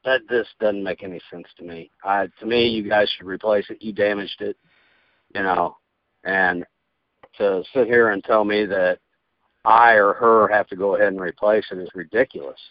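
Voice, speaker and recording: A man's voice: lowish voice, fairly even intonation, moderate pace, dry recording. A man heard over a landline phone call, arguing indignantly and stumbling over his restarts. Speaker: prank call target. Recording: muffled phone line.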